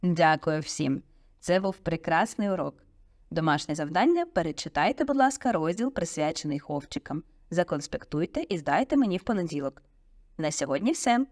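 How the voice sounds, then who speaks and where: A woman voicing a calm, kindly male wizard teacher in an audiobook, encouraging and unhurried. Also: on the low side, lightly acted. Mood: pleased. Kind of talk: audiobook character voice.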